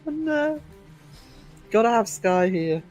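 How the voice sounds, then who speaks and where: A woman's voice: a little high, very animated, slow pace, darkish tone. Lady in her 50s rambling to her stream chat, lots of little chuckles, faint music behind. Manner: rambling, chatty, chuckles often. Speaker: livestream host. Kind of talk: casual livestream chat with viewers.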